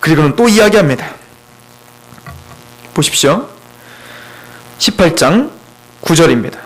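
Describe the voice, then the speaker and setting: Man, pastor, preaching conversationally with a high, very animated voice. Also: measured pace, rough recording. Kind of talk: expository sermon. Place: church sanctuary.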